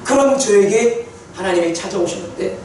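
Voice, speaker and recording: A man preaching a sermon testimony, telling his story with animated repetition for emphasis. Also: high voice, normal speed, a little hiss or hum. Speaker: pastor. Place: church sanctuary. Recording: echoey church hall from far off.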